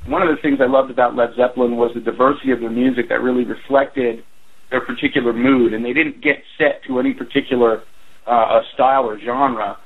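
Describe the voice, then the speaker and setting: A man's voice: mid-range voice, fairly even intonation, a little fast, husky. A man in his forties, a band's drummer, talking earnestly with lots of fillers as a guest on a radio interview. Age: 40s. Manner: rambling, earnest, with many fillers. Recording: tinny phone line.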